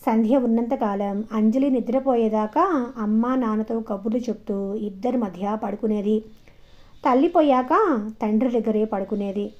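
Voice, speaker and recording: A woman storyteller reading a short story aloud in a calm, measured way, in a dull, lo-fi recording. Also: fairly high pitch. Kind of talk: audiobook story narration. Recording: dull lo-fi audio.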